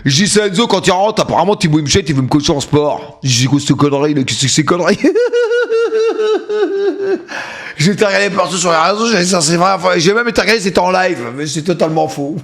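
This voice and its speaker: Male live streamer, high voice that leaps around, joking, loud outbursts. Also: lively intonation, fast talker, gravelly, hardly any pauses. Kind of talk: casual live-stream chat.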